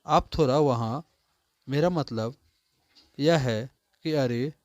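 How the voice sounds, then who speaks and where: A man voicing a young female courtesan in a told story, speaking her lines in a soft, lowered voice. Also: animated, slow pace, no echo, clean studio sound. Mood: flustered. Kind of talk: storybook reading.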